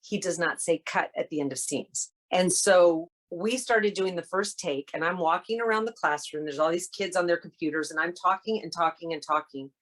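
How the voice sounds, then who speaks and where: Lively storytelling woman, lower voice. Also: normal speed, few pauses. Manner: animated, acts out quoted dialogue. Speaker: guest actress. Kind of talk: casual interview storytelling.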